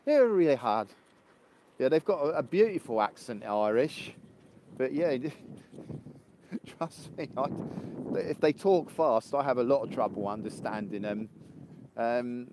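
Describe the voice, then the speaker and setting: A man's voice: medium pitch, expressive, measured pace, pauses often. Casual English host in his fifties with a north-of-London accent, chatting on a phone outdoors with faint noise behind. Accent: English, from just north of London. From England. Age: 50s. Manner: chatty, joking, rambling. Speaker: live stream host. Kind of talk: casual live chat with viewers. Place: outdoors, walking in the cold.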